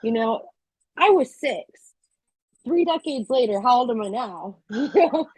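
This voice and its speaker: A woman's voice: fairly high pitch, expressive, measured pace, darkish tone, breathy edge, no echo, rough recording. A woman in her thirties chatting as an interview guest, telling stories in a loose, talkative way with plenty of filler words. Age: 30s. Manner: chatty, storytelling, many "like" fillers. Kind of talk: casual interview chat.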